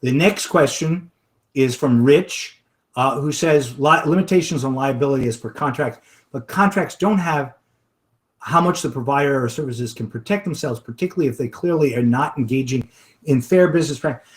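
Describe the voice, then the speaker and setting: A man giving an online talk and then answering audience questions from the chat, with frequent fillers and restarts. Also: medium pitch. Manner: halting, many fillers and restarts. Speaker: webinar presenter. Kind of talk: lecture with audience Q&A.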